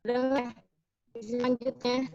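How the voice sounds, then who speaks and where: A woman's voice: a little high, flat delivery, slow, warm tone, faint music behind. Woman on a breaking-up video call. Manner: repeatedly checking if she is heard. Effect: call audio breaking up. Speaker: seminar presenter. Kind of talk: online seminar talk. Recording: dull lo-fi call audio.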